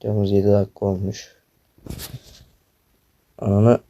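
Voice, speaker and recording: A man's voice: fairly low pitch, flat delivery, unhurried, lo-fi sound, heavy background noise. Frustrated young man yelping over gameplay. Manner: frustrated, swearing, groaning, yelping. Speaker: gaming YouTuber. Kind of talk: gameplay commentary.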